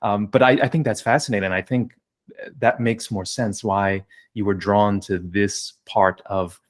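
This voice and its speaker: A man's voice: on the low side, fairly even intonation, measured pace. A man from New Jersey hosting an interview podcast, asking long winding questions with many fillers. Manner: discursive, wordy, many fillers. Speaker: podcast host.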